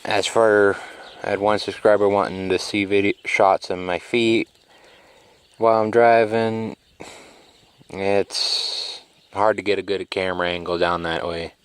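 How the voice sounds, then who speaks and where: Very deep-voiced sleepy man. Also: little pitch movement, a little slow, clear, resonant tone. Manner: laid-back, rambling, drawling. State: sleepy, yawning. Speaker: car vlogger. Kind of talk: casual rambling chat. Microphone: phone camera.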